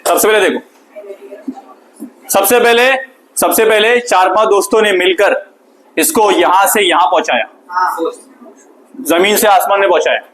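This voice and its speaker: A man, teaching a physics lesson through an animated story and repeated questions to the class. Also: high-pitched, moderate pace, pauses often, slight background noise, low-quality recording.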